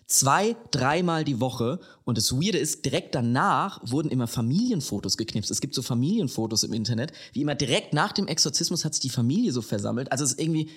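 A man's voice: medium pitch, lively intonation, fast, few pauses, breathy edge. A man from Hesse hosting a podcast, casually telling a true crime story and mixing in English slang. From Hesse, Germany. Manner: chatty, mixes in English slang. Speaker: podcast host.

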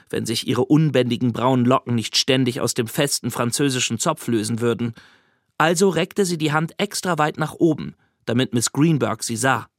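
Man reading an audiobook, calm. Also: medium pitch, no room sound, studio quality. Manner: calm, measured storytelling. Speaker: audiobook reader. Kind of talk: scripted narration.

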